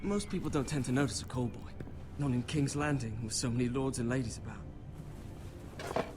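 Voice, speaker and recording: A man's voice: mid-range voice, moderate pace, over music, lightly acted. A man playing a deferential, kindly young servant boy in a fantasy game, hesitant and respectful. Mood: confiding.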